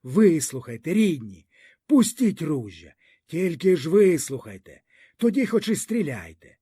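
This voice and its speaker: Man doing a desperate peasant pleading, husky, voice raised a bit, swings a lot. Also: on the high side, big pitch swings, unhurried, mellow, no echo, studio quality, heavily acted. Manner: pleading, anguished.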